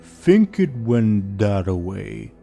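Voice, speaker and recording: A man voicing a big, dim, childlike ogre for a tabletop game, in dopey, halting broken speech. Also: lowish voice, big pitch swings, vocal fry, lo-fi sound, over music, exaggerated voice. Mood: grumpy, reluctant. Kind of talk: in-character tabletop role-play.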